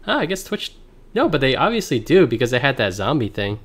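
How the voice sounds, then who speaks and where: A man streaming a card game, chatting casually with viewers and thinking out loud as he plays, heard through livestream headset audio. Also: mid-range voice, big pitch swings, a little fast. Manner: thinks aloud, reads card text, chats with viewers. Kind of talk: casual gameplay commentary. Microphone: livestream headset mic.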